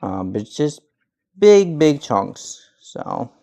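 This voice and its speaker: A young man who grew up speaking Russian and learned English at eight is cooking on stream as a vlogger, chatting casually, rambling and restarting sentences. His voice is a little high, sing-song and mellow, and he takes it slowly.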